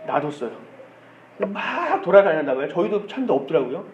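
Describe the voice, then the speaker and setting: 한국인 남자 목사가 가족 이야기와 흉내를 섞어 설교하는 목소리, 울림이 큰 교회 녹음. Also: male voice, high voice, sing-song, fairly quick. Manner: storytelling with acted quotes and soft laughs. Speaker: pastor. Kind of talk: sermon. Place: church sanctuary. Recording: dull echoey church sound with faint hiss.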